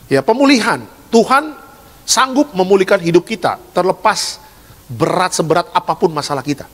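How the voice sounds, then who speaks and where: Casting: jokey male pastor, slightly high voice, echoing church hall. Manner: jokey, swings from hushed asides to loud exhortation. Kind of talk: lively sermon.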